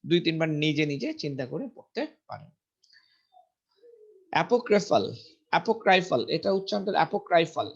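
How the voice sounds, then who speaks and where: A man's voice: on the high side, lively intonation, fairly quick, long pauses, darkish tone, husky. A man teaching English vocabulary in a casual lesson, repeating each word several times and checking pronunciation aloud. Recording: dull lo-fi recording.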